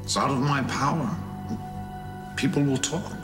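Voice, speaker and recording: A man's voice: medium pitch, fairly even intonation, a little slow, music in the background, natural voice. A man playing a pompous, sardonic, scheming villain in a theatrical soap opera style. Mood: dry mockery.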